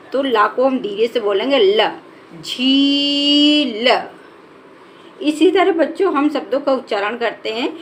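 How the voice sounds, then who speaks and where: A woman teaching a children's reading lesson, stretching out syllables slowly and clearly as she sounds out each word. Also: a little high, slight background noise. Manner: drawn-out syllables, slow and clear.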